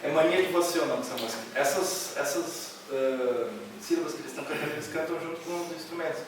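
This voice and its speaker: A man explaining music to students in a loud, nearly shouting voice, full of fillers and restarts. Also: fairly high pitch, fast, background noise. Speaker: music workshop instructor. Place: large echoey hall. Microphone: camera from a distance. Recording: echoey hall recorded from far off.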